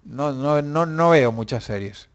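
A man hosting a casual live chat with viewers, animated and profane, breaking into shouts. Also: fairly high pitch, unhurried, muffled recording. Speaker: online show host.

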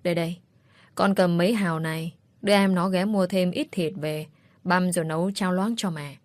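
A woman voicing a kindly older village healer who calmly reassures a young woman. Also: fairly low pitch, brisk, dry recording, close to an everyday voice.

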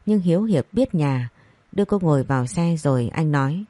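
A woman narrating a scripted story, reading each character's lines in the same even voice. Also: sits low, moderate pace, no echo. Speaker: audiobook narrator.

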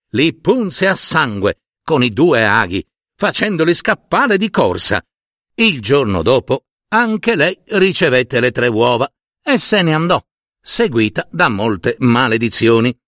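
Male storyteller for a folk tale, unhurried, lively melody, dry close sound. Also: medium pitch, no echo. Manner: expressive, theatrical reading. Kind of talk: scripted fairy tale narration.

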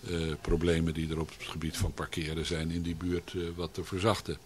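Low-voiced hesitant man, interview guest. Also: level tone, a little fast, a little hiss or hum. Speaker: local alderman as radio guest. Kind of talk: radio interview answers.

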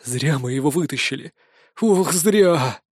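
Man doing a shrill, gloating teenage boy. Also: very animated, normal speed, a little mellow, no room sound, studio quality. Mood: spiteful. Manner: jeering, shrill.

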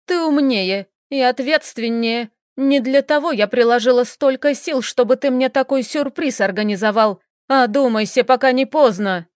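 A woman voicing a cold, furious noble dragoness mother, loud, sharp and commanding. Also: high-pitched, moderate pace, few pauses, dry recording, studio quality, close to an everyday voice.

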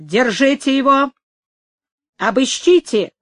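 A woman reader voicing an angry street crowd, shouting each cry out slowly and loudly. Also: high-pitched, lively intonation, no echo, pitched above the performer's own voice, heavily acted. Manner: shouting, drawn out.

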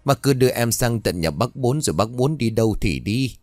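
Frightened village woman, shrill and pleading, lively swings, a man puts her on. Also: brisk, no echo, clean studio sound, lightly acted. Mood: panicky.

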